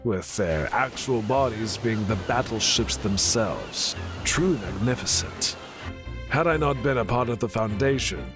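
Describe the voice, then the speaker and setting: A man playing a stern, dutiful naval captain in an animated story, with a measured, commanding manner. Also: medium pitch, lightly acted.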